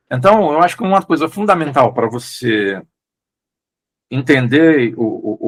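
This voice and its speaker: A Brazilian man, a literary translator, talking through his choices in a relaxed interview, with frequent restarts and questioning tags. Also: fairly high pitch. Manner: thoughtful, hesitant, many restarts and "né?" tags. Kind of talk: casual conversational interview.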